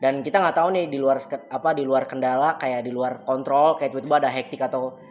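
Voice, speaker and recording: A man's voice: medium pitch, fairly even intonation, brisk. A young man speaking as a guest and event MC, casually giving advice in colloquial language and acting out bits of dialogue. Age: young adult. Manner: colloquial, chatty, acts out quoted dialogue.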